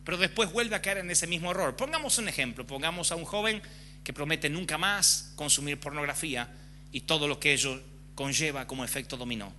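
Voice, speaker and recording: A man's voice: on the high side, fairly quick, pushed and bright, slight background noise. A man preaching a sermon frankly and with passion, often acting out examples. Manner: impassioned, frank, acts out examples.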